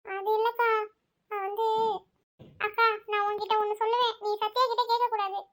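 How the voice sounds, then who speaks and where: A woman's voice: very high-pitched, level tone, normal speed, fairly bright tone. A woman voicing a fretful middle-aged aunt who scolds and exclaims in an audio story. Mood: hesitant.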